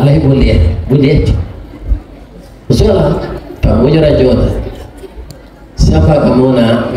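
A middle-aged man with a Minangkabau accent, preaching a sermon through a lively story, acting out the characters with big swings in pitch. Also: a little hiss or hum. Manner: animated, acts out characters, shifts pitch often. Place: large hall or school assembly. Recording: echoey hall, distant mic.

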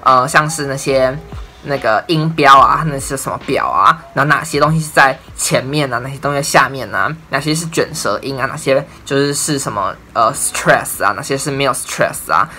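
Bright-voiced young Taiwanese man, chatty. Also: mid-range voice, moderate pace, faint music behind. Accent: Taiwanese Mandarin. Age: 20s. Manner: chatty, leans on "I'm telling you" and "and then". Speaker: university English major vlogger. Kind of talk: casual explainer talk to camera.

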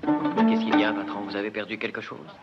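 A deferential manservant who speaks fast in a lowish, lively voice. Loud music sits under him on a dull old film soundtrack. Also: male voice. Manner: deferential, quick. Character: loyal deferential manservant to a count.

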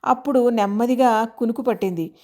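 A woman narrating an audio story in a measured, expressive reading. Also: on the high side.

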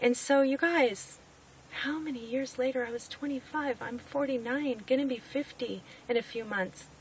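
A woman's voice: high voice, moderate pace. Earnest woman in her forties vlogging from a car. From Oregon, United States. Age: 40s. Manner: earnest, heartfelt, repeats phrases for emphasis. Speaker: weight-loss vlogger. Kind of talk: emotional personal vlog. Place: parked car. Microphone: camera on the dashboard. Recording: slightly distant car mic with outside noise.

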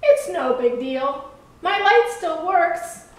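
A woman's voice: extremely high pitch, expressive, takes it slowly, voice pushed up, full character voice. A woman voicing an eager, earnest young male lighthouse in a storybook. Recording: echoey room from far off.

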